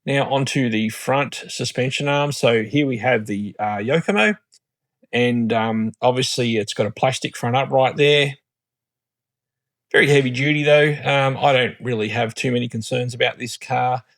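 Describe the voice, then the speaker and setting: A man's voice: medium pitch, steady tone, moderate pace, fairly bright tone, no echo. A man hosting a hobby channel, talking casually through a build with many fillers, self-corrections and asides.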